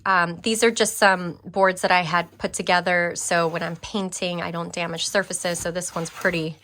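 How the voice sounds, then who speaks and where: A young woman with a slightly low voice gives a casual tour of her home craft room. She chats along warmly and enthusiastically, often trailing off with fillers and small restarts as she shows each item. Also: flat delivery, normal speed, a little hiss or hum. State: briefly out of breath. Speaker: craft vlogger.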